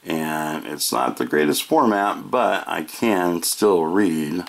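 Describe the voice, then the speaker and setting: A product reviewer, an American man with a very low pitch and vocal fry, walks through a product demo. His casual, matter-of-fact voice is still expressive, and he explains each feature at a slow, unhurried pace.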